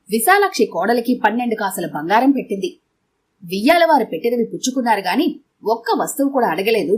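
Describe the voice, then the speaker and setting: A woman narrating an audio story in a steady, measured reading. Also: on the high side, husky.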